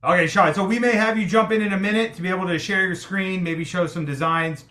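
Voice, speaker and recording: A man with a high, bright voice talks fast and forcefully, in a steady tone, as he moderates an online community town hall. He's the meeting host, greeting people warmly on the video call while filling his sentences with ums and uhs.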